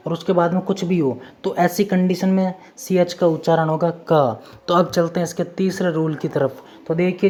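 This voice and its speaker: A woman with a low, slightly mellow voice gives a classroom-style lesson on English spelling rules. She is patient and repetitive, drilling each formula step by step and addressing viewers as friends.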